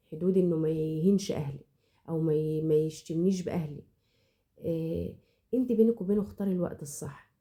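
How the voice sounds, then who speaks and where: An Egyptian woman hosts her home channel and gives viewers earnest, heartfelt advice. She talks quickly in a dark, mellow, slightly low voice. She often breaks off and restarts, and she swears oaths for emphasis. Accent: Egyptian Arabic. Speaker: home cooking channel host.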